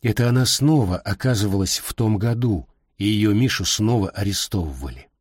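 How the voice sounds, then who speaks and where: Middle-aged male narrator, husky timbre, dry close mic, calm reflective memoir reading. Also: on the low side, normal speed, dry recording. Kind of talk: reading a personal memoir aloud.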